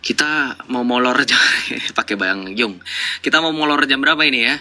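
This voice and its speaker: Sharp-voiced man mocking and lecturing. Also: mid-range voice, expressive, normal speed, soft background music. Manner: mocking, lecturing, rhetorical questions. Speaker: live-stream debate host. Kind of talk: confrontational live debate with callers.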